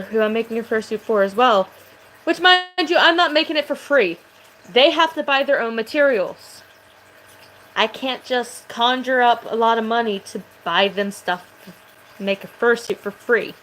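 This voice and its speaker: A woman's voice: fairly high pitch, normal speed, a bit bright, slight background noise, poor audio. A woman vlogger chatting casually to camera, rambling and swearing, with a voice that sounds aggressive.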